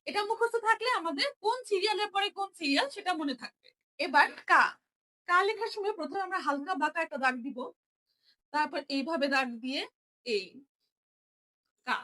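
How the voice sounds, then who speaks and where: A young woman with a very high, bright voice teaches a step-by-step writing lesson. She talks patiently and repeats each sound so learners can follow. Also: animated, a little fast, pauses often. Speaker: Japanese language teacher.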